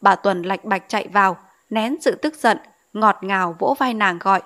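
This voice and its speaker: A woman's voice: medium pitch, normal speed, a bit bright. A woman narrating a novel as an audiobook, telling the story expressively.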